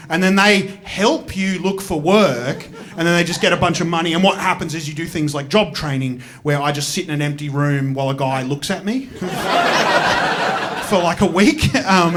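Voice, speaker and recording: A man's voice: fairly high pitch, moderate pace, fairly bright tone. A man in his thirties with an Australian accent, telling a rambling, self-deprecating stand-up story and swearing freely on stage. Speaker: stand-up comedian. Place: comedy stage before a live audience.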